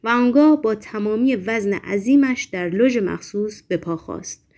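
A woman reading a novel aloud in steady, measured scripted narration. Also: mid-range voice. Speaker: audiobook narrator. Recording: faint background music.

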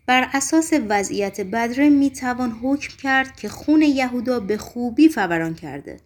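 A woman's voice: a little high, animated. A woman reading the lines of a shrewd secret-police chief in an audiobook, deferential and reassuring. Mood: composed. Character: calm, shrewd secret-police chief, middle-aged man.

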